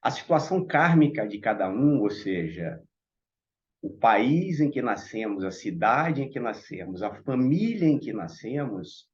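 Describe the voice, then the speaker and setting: At a Theosophical meeting, a panelist from Salvador with a Bahian Brazilian accent offers a reflective talk and addresses listeners directly with many asides. His medium-pitched voice has a darkish tone, and the highs are cut off.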